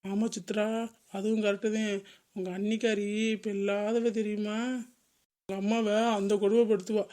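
A woman's voice: medium pitch, flat delivery, normal speed, warm tone, lightly acted. A woman voicing a scheming gossipy neighbor. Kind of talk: cartoon comedy voice acting.

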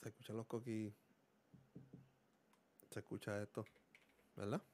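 A man with a fairly low, darkish voice, level in tone and a little slow, explains microphone settings at home with a Puerto Rican accent. As a gaming YouTuber reviewing a desk condenser mic, he keeps the demo casual, slips in English words, and repeatedly makes sure the listener understands.

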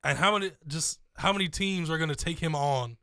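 A young man co-hosting a sports chat, making his points with opinionated emphasis. His voice is smooth and clear. The close studio mic gives a dry, dead sound. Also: a little high, brisk, pushed and bright, dry recording. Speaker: sports talk show co-host. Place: small studio with foam panels. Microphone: studio mic on boom arm, headphones.

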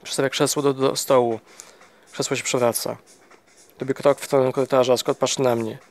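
A man narrating a novel in the first person at a middling pitch. His reading is steady and plain, though he stumbles and restarts a word now and then. It sounds like a home audiobook reading. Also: brisk. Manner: steady, with small slips and restarts.

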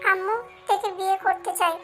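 A man's voice: extremely high pitch, level tone, fairly quick, sharp tone, soft background music. A woman voicing a young man in love, tender and pleading. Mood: earnest.

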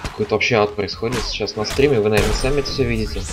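Man commentating a game over loud music. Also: fairly low pitch, rapid-fire. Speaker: esports stream commentator. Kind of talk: live fighting game commentary. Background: game music and sound.

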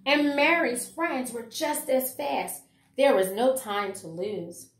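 This is a middle-aged woman educator with a slightly high voice reading a children's picture book aloud at a slow pace. Her expressive reading and book talk are directed at kids and teachers. The small indoor room at home lends the audio a noticeable echo.

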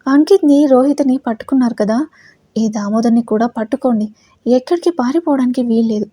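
A woman's voice: fairly high pitch, brisk, husky, no echo. Woman reading as a hot-tempered young man. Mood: angry. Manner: shouting, fierce.

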